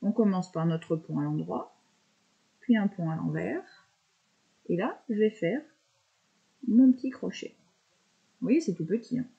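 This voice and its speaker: A woman teacher explains a handwriting lesson to young pupils, describing every stroke as she makes it. Her voice is mellow and soft-edged, patient and encouraging. The recording sounds a little dull and lo-fi. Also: medium pitch, lively intonation, gravelly. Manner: slow step-by-step verbalizing, patient.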